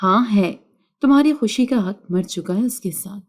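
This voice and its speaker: A stern old mother-in-law barks threats and orders, voiced by a woman reading a story. Her tone is dark and heavy. She leans on every word with scolding force. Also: mid-range voice, natural voice.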